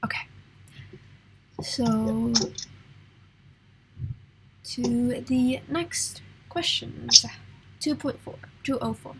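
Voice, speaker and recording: A woman's voice: sits high, gravelly, a little hiss or hum, rough recording. A woman teaching an English class over a video call, patient and encouraging, talking with a sore throat. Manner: patient, encouraging, reads exercises aloud.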